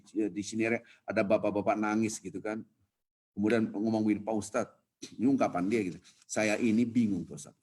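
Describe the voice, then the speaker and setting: Husky-voiced man preaching on a video call. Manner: lively storytelling preacher, rises in pitch when explaining. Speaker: ustadz giving a dawn study lecture. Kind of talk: online Islamic lecture with Q&A.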